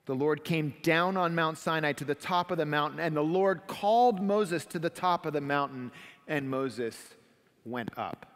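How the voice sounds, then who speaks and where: Middle-aged male pastor, fairly high voice, expository with dramatic swells, sanctuary echo. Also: a little slow. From United States. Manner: expository preaching, dramatic swells when describing scenes. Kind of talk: sermon. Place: church stage behind a wooden pulpit. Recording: long hall reverb of a sanctuary.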